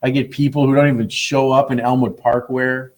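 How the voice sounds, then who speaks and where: A man's voice: mid-range voice, level tone, fairly quick, a little mellow. A male biology teacher teaching an online class by video call, teasing and sarcastic with his students.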